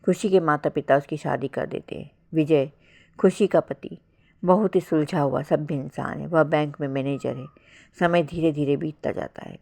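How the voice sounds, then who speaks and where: A woman narrating a romantic story in a calm, measured scripted reading. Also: low voice, creaky.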